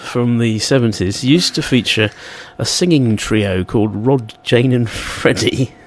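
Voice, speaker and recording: A man's voice: medium pitch, a little slow, slight background noise. A man hosting a casual radio show from a studio, chatty and jokey, with fillers along the way.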